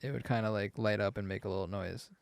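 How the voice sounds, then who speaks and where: A man's voice: on the low side, steady tone, fast talker, creaky, dry recording. A man co-hosting a podcast, telling a story in casual chat with lots of filler words. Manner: rambling storytelling with many fillers. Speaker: podcast co-host.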